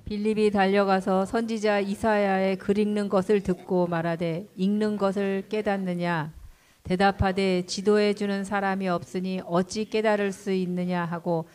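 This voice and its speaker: A woman's voice: medium pitch, flat delivery, moderate pace, darkish tone. A woman in a church congregation, reading a scripture passage aloud in unison with the others. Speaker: congregation member. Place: church sanctuary.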